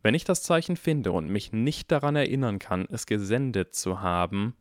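A man's voice: on the low side, animated, moderate pace, darkish tone, no room sound, clean studio sound, close to an everyday voice. A man voicing a clever eleven-year-old boy who talks in a cold, icy and precise way in an audiobook. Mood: calm warning.

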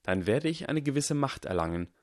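A man reading the part of a calm, earnest young wizard who explains his reasoning in a measured, persuasive way. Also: mid-range voice, no room sound, studio quality, pitched above the performer's own voice, natural voice. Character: calm, earnest boy wizard lecturing on science.

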